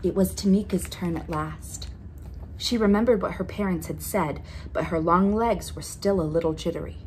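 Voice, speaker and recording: Here the woman reading the picture book has a lowish voice, drawing out important words expressively. It's a low-quality recording marked by noticeable background noise.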